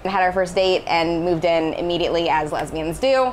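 A young adult woman, a restaurant co-owner, telling stories candidly and relaxed in an interview, lapel mic in a small kitchen. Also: fairly low pitch, moderate pace, slight background noise, poor audio. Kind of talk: casual interview. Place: small commercial kitchen, indoors. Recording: music bed underneath.

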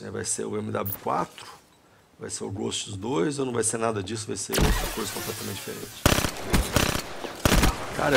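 A man's voice: on the low side, vocal fry. A man with a Brazilian accent giving casual, rambling, slangy commentary over a video game. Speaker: gaming commentator. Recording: very noisy, clicking in background.

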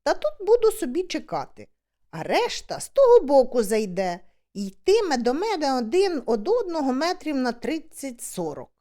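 A woman reading a humorous story aloud as an audiobook, with lively, expressive storytelling. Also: high voice, moderate pace. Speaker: audiobook reader.

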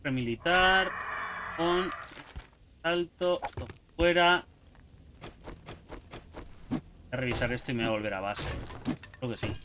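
A young man giving jokey, excitable commentary while playing a survival game, yelping at sudden scares. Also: mid-range voice, slow, pauses often, noisy background. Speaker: gaming YouTuber. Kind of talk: gameplay commentary.

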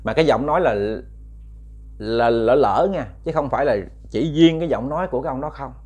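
A man's voice: mid-range voice, brisk, a little mellow, breathy edge. Man, casual ghost story narration, chatty, repeats himself. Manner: chatty, addresses listeners, many fillers and repeats.

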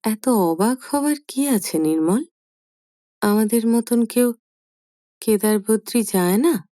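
Woman doing an old mother in a storybook, slow, hesitant, soft pleading, mellow voice. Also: a little high, very animated, no echo, studio quality. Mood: wistful. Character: elderly widowed mother, wistful and startled. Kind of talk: audiobook character voice.

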